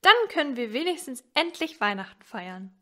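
A woman's voice: a little high, very animated, normal speed, a bit bright. A woman voicing a small boy who talks in a plain, matter-of-fact way. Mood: reassuring. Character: small brave boy, blunt and cheerful.

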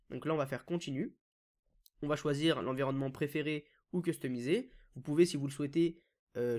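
Man, tutorial host, somewhat high-pitched, casual step-by-step narration, frequent fillers. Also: a little mellow. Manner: casual, step-by-step, many "donc" and "euh" fillers. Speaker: WordPress consultant and YouTube tutorial host. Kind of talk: screen-recorded software tutorial.

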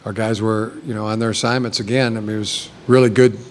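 Seated at a table mic in a press room with a backdrop, a middle-aged head coach gives postgame answers to reporters, often restarting and filling pauses. He talks quickly in a fairly low voice with little pitch movement, and there's slight background noise.

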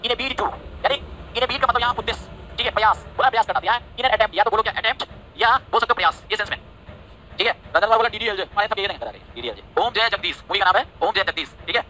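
A man teaching English vocabulary in a live class, talking quickly and checking over and over that the students follow. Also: sits high, bright, forceful tone, a little hiss or hum, rough recording. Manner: rapid, repetitive checks like "ठीक है?" and "समझे?"; scolds and teases students by name. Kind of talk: online class lecture in Hindi and English.

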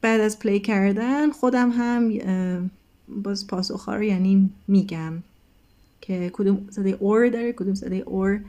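A woman runs a recorded English lesson with a mellow, relaxed voice. She explains each point and reads the example sentences aloud slowly and carefully, like a patient teacher. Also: mid-range voice. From Iran.

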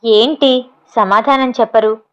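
A woman's voice: on the high side, fairly even intonation, a little slow, a bit bright. A woman voicing a playful young woman officer who presses insistently for an answer, on a slightly dull recording.

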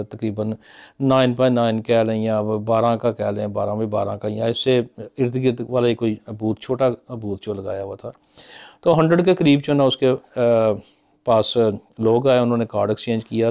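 A man's voice: mid-range voice, vocal fry, darkish tone. A middle-aged man from Pakistan talking casually to camera from a small office, thinking aloud with frequent fillers and gestures. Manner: conversational, musing, with many fillers and hand gestures. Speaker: business commentator. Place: small office with framed certificates on the wall.

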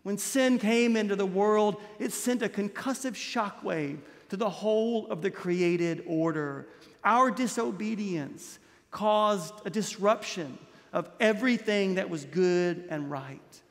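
A man in his thirties, a priest delivering a Christmas Eve homily with impassioned preaching, dropping low and soft on key words. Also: slow pace. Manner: gestures broadly while standing at a lectern. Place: large stone church, indoors. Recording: long church reverb.

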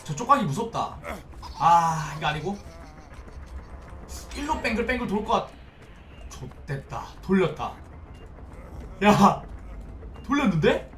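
A young male streamer with a high, lively voice, commenting on his horror game with excitable outbursts, curses and loud pleas to teammates. His bright tone sits a little far from the mic in a roomy space with faint noise behind. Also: unhurried, pauses often. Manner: excitable, swears often, pleads loudly with teammates. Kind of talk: live gameplay commentary.

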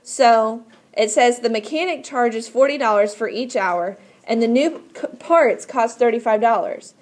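A woman's voice: a little high, a little slow. A woman teaching a math class step by step in a patient, instructive way, often asking questions to check understanding. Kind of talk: classroom lesson, explaining step by step.

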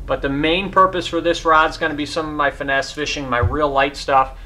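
A man's voice: a little high, steady tone, fairly quick, sharp tone. A man in his thirties, hosting a casual fishing gear review from his garage, talking with hands-on enthusiasm. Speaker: fishing channel host. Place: garage with boat and rods.

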